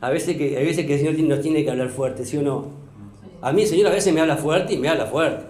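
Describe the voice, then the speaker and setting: A pastor preaches with emphasis, repeating phrases and putting questions to his congregation. His voice sits high for a man. The echoey church room rings around him. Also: fairly quick, a little mellow. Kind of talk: sermon. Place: church hall.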